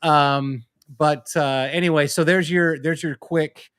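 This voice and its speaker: A man's voice: fairly high pitch, fairly even intonation, takes it slowly, fairly bright tone, clear, resonant tone, dry recording, studio quality. A man co-hosting a podcast, explaining technical points from notes in a casual way with some swearing. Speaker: podcast co-host.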